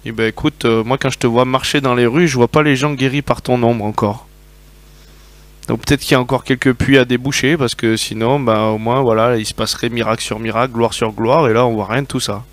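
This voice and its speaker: A man preaching a sermon, telling personal stories in a lively way and often asking his listeners whether they agree. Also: medium pitch, brisk. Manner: lively storytelling, asks the audience for agreement.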